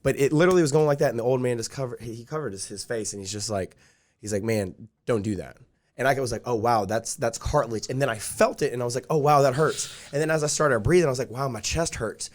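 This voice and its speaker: Quick-paced and mid-range in pitch, a young male podcast guest tells a long, rambling personal story during a casual chat. He keeps dropping fillers like "like" and "dude."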